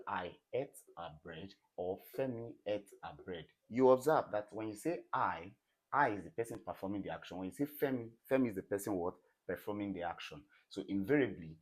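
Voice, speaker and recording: A man with a Nigerian accent teaching an English grammar lesson in a classroom, often pausing to ask students questions. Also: sits low. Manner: call-and-response questioning of students. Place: classroom with a board.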